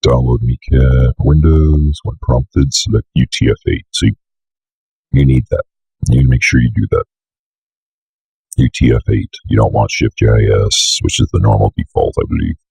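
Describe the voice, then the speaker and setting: Sitting at a computer desk in an indoor room, a young man with a slight cold records a casual software walkthrough in an extremely low, husky voice crackling with fry. His tone stays steady at normal speed as he mutters asides. The sound is close and dry.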